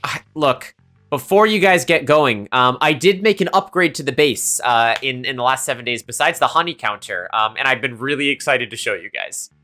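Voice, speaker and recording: Game master lady, low voice, playful and giggly, lots of ums, bouncy pitch. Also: lively intonation, normal speed, pushed and bright, soft background music. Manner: playful, laughs often, many fillers. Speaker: dungeon master. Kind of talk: narrating a tabletop game.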